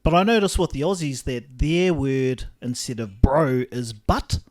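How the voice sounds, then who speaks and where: A man's voice: medium pitch, unhurried. A man with a Kiwi accent chatting casually as a podcast co-host in an agreeable, easygoing way. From New Zealand. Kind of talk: casual chat.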